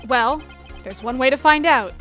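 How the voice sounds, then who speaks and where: A woman's voice: high-pitched, moderate pace, a bit bright, soft background music. A woman voicing an earnest young male defense lawyer, reading game dialogue aloud. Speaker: streamer.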